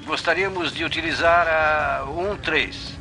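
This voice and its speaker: A man voicing an airline captain giving calm, clipped callouts over the cockpit radio in a dubbed documentary reenactment. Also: fairly high pitch, a little slow, natural voice. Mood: tense. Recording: background music.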